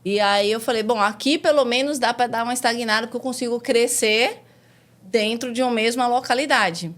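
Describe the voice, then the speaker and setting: This guest is a woman in her forties from Salvador, with a Bahian Portuguese accent and a somewhat high voice that runs a little fast. She tells her career story frankly in a relaxed chat, sprinkling in slang and an occasional curse.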